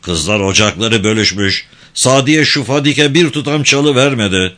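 A man's voice: mid-range voice, normal speed, bright, forceful tone, lightly acted. A man doing a teasing young villager.

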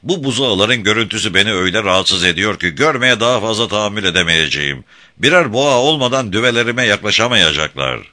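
A domineering king bellows his boasts and sneers at his subjects in a loud, raised, bright and forceful voice, as a narrator puts him on. His scorn is constant and his commands come out as roars. It is a storybook reading. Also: fairly low pitch, animated, fast, pitched above the performer's own voice. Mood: scornful. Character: roaring proud tyrant king, contemptuous, domineering. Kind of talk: audiobook character voice.

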